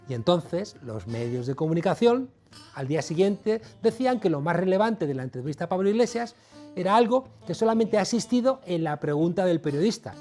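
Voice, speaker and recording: Man, mellow voice, measured emphatic monologue, wry, faint music behind. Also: high voice. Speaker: show host and university professor. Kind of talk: opinion monologue.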